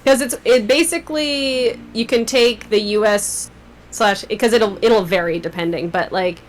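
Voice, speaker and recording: A woman's voice: on the high side, normal speed, a little hiss or hum. A young woman, a podcast guest chatting casually, rambling with lots of "like" and frequent laughs. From Canada. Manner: rambling, laughs often, fillers like "like". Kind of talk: casual chat.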